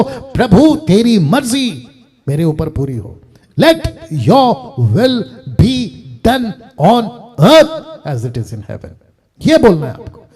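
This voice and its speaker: High-voiced man preaching emphatically. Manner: emphatic preaching with wide swings in loudness, dropping to near-murmurs; mixes English phrases into his preaching. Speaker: pastor. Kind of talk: sermon.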